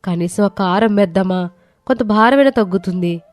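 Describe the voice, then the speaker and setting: A woman voicing a sensible young wife who pleads with her husband, for an animated story. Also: medium pitch, brisk, no echo, lightly acted. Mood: pleading. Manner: pleading, cautious.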